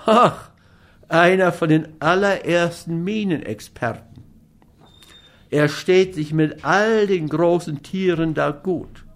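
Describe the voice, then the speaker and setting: A man's voice: fairly high pitch, slow pace, voice pushed up. A man voicing an eager bystander who confidingly warns a stranger about someone powerful. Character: talkative bystander man giving advice.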